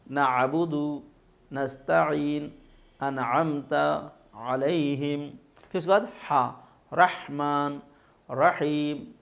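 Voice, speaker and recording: Gravelly-voiced male recitation teacher. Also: fairly high pitch. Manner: teaches by asking questions and repeating sounds. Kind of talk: religious lesson on Arabic pronunciation.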